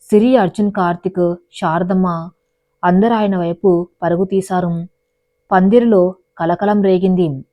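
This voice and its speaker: A woman's voice: on the low side, fairly even intonation, measured pace, pauses often, no room sound. A woman narrating a dramatic love story as a storyteller, in a scripted reading style. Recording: dry, dull lo-fi voice recording.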